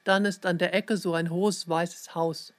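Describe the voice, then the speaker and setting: A woman's voice: fairly low pitch, fairly even intonation, measured pace, lightly acted. A woman voicing a tall, clever schoolboy who is insistent and a little cheeky, in a storybook reading. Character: clever tall schoolboy Leon, confident know-it-all.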